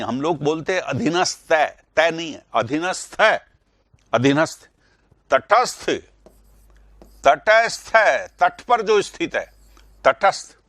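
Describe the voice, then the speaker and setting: Slow, lively Hindi teacher man. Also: fairly high pitch, no room sound. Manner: explains slowly, repeats words to stress correct sounds; addresses students directly, correcting their answers. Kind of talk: online class on spelling and pronunciation.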